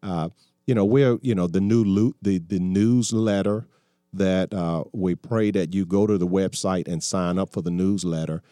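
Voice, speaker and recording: A man's voice: low voice, normal speed, warm tone, dry recording, clean studio sound. A man in his sixties hosting a call-in talk radio show, folksy and preachy, often restarting his sentences. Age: 60s.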